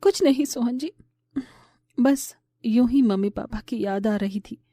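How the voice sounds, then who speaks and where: A woman voicing a meek, patient young daughter-in-law in a storybook tale, who speaks in a soft, humble way. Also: fairly high pitch, measured pace, no echo, clean studio sound. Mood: sad. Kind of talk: storybook voice acting.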